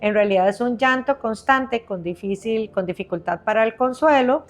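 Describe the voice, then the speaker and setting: A woman's voice: on the high side, moderate pace. A woman specialist patiently explaining baby health on a podcast, step by step, often checking in with her listener.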